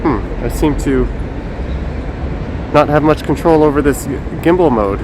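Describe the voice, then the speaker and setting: A man's voice: a little high, measured pace. Masked man live-streaming on a noisy street. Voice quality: speaking through a face mask. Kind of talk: casual live-stream chat. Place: outdoors in a windy downtown city square. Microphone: phone on a gimbal. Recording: noisy windy city street, traffic.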